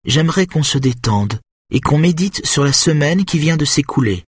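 A man's voice: on the high side, expressive, slightly rough, no echo, studio quality, voice pushed up. A man putting on a solemn, eerie woman leader. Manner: slow, solemn preaching.

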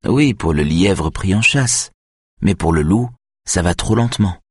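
Dude as a chill cocky young violinist guy, low and husky. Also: dry recording, studio quality, full character voice. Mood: laid-back. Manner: calm, unhurried, confident. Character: laid-back young male violinist, cocky.

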